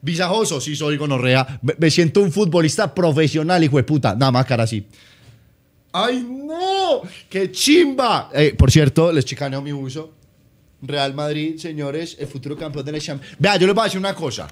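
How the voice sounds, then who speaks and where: A young man from Colombia with a Paisa accent, chatting excitably on a home live stream, swearing and teasing. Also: a little high, a little fast. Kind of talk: casual live-stream chat.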